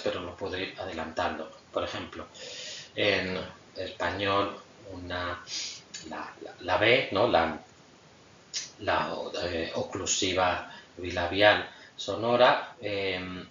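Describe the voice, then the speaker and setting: A man's voice: low voice, fairly bright tone, reverberant. Male lecturer, native Spanish speaker, hesitant with fillers; muffled, distant mic with light background noise. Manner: patient, pauses often with fillers. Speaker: language teacher. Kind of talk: explanatory lecture.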